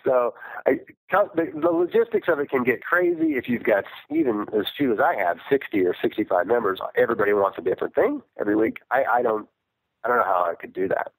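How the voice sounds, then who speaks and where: A man's voice: medium pitch, sing-song, quick pace, slightly rough, no echo. A man on a flip phone call as a farmer guest in an interview, rambling and correcting himself, laughing often. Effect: talking over a flip phone call. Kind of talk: casual interview chat. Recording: dry phone-call audio.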